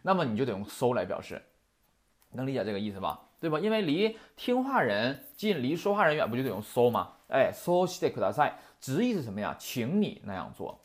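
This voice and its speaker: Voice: medium pitch, sing-song, fast talker. A language teacher explains example sentences and keeps checking with "right?". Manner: constantly asks "right?" to check understanding; quotes example sentences, then explains them. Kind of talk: classroom lesson explanation.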